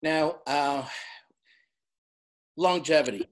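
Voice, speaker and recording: A woman's voice: low voice, drawn-out words. A woman in her fifties hosting a vlog interview, chatty and self-deprecating, laughing often as she asks questions. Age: 50s. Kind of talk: casual interview chat.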